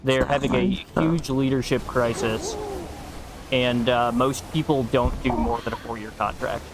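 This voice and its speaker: A man's voice: medium pitch, fairly even intonation, a little slow, over music. A young man streaming a game and chatting casually, blunt and profane, bantering with his co-host. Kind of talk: casual chat while gaming.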